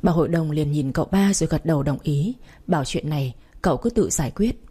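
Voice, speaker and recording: A woman narrating a first-person audiobook story in a steady, intimate way. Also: low-pitched, brisk, breathy edge.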